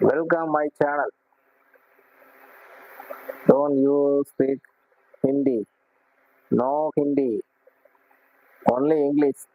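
A man hosting a casual live stream, greeting viewers warmly and repeatedly asking them to like and subscribe. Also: medium pitch, steady tone, extremely slow, long pauses. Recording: tinny phone-like sound.

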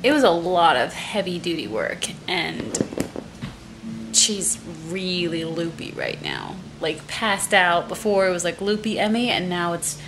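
A woman's voice: fairly low pitch, big pitch swings, a little slow, over music. A woman hosting a casual vlog from her apartment, chatting straight to her viewers. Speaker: vlog host. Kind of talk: casual chat to camera. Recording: noisy home recording.

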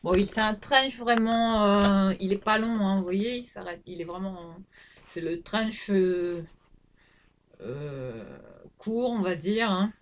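A woman's voice: mid-range voice, slow, slight background noise. A middle-aged woman from France in a casual haul vlog, rambling with lots of fillers and restarts as she shows her finds to the camera at home. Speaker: fashion vlogger.

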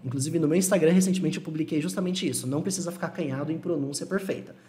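Man teaching pronunciation in a relaxed, reassuring way. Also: on the high side. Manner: friendly, reassuring, repeats words slowly to model pronunciation. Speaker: English teacher. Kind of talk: casual online lesson.

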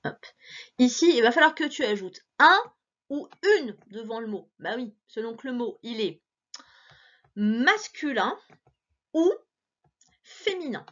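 A woman teacher giving a recorded reading lesson to a child, encouraging and playful, stretching out words slowly. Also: on the high side, lively intonation, fairly bright tone, dull audio. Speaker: primary school teacher.

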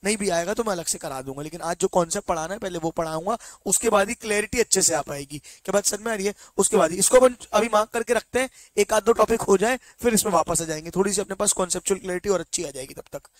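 Man, teacher, high-pitched, dry close sound, exam-prep lecture, quick check questions. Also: no echo. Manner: keeps quizzing students with quick check questions; mixes Hindi with slow English read-outs from the text.

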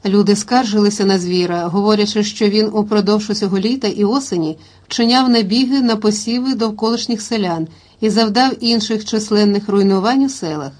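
A woman reading a historical novel aloud as an audiobook narrator, in steady, even storytelling. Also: mid-range voice, fairly quick.

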